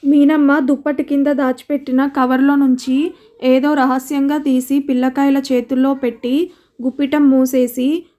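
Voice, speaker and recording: Woman storyteller, scripted narration, high even voice, mellow. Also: normal speed.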